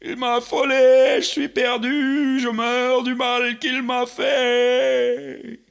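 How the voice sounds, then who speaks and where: A man's voice: very high-pitched, monotone, extremely slow, creaky, smooth, heavily acted. A man voicing a cunning old peasant woman who wails and laments theatrically. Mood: wailing. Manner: plaintive, wailing, theatrical.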